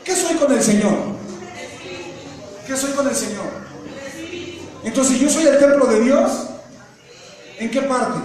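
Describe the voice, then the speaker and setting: A man preaching a sermon, firing rhetorical questions, breaking into shouts and joking asides. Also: very high-pitched. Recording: echoey hall from far off, faint noise.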